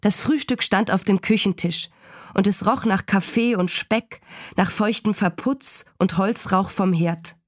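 A woman reading a children's storybook aloud in a clear, even way. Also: mid-range voice, a little slow, dry recording, studio quality. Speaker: audiobook reader. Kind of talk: storybook narration.

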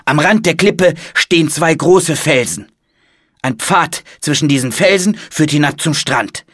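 A man's voice: a little high, a little slow, fairly bright tone, no room sound, clean studio sound, pitched above the performer's own voice. A man doing an urgent head monk. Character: earnest man, leader of the monks, urgent. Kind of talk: audiobook storytelling.

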